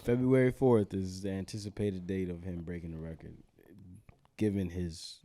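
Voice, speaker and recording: A man's voice: sits low, steady tone, normal speed, dark tone. A man co-hosting a sports podcast, casually quoting stats and pressing his co-hosts with repeated questions in slangy speech. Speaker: podcast co-host.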